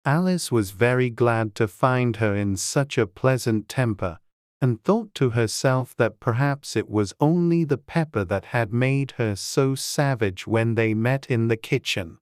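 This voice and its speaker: A woman reads a storybook in a scripted audiobook, her voice exceptionally low with a darkish tone and a slightly slow pace. It is recorded close and dry, with no room sound or echo.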